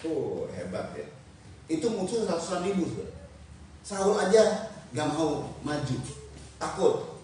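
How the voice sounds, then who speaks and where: Man, pastor, animated sermon, slightly high voice, distant mic, faint hiss. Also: a little slow, pauses often. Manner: animated, calls out responses to scripture reading. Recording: echoey hall from far off, faint noise.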